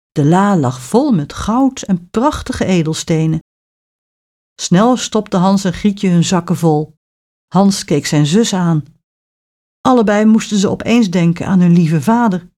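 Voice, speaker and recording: A woman reads a children's fairy tale aloud in a clear, expressive storytelling voice. Her voice sits a little low for a woman. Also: unhurried. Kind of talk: scripted fairy tale narration.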